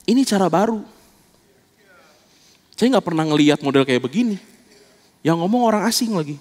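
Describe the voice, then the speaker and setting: A male pastor giving a sermon in an animated, casual storytelling way. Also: on the high side, quick pace, big-room sound. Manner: animated, colloquial storytelling preaching.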